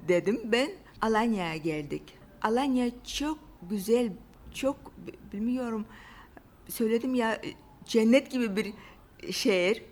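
Russian woman speaking halting, broken Turkish. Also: a little high, lively intonation, darkish tone, a little hiss or hum. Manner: halting, simple non-native Turkish with grammatical slips. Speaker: interview guest. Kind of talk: casual personal storytelling.

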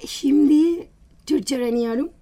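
A woman in her twenties from Spain with a Spanish accent, answering casually in an interview in broken, halting learner's Turkish, often repeating and correcting words. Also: high-pitched, warm tone. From Valencia, southern Spain. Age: 20s. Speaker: interview guest, foreign student.

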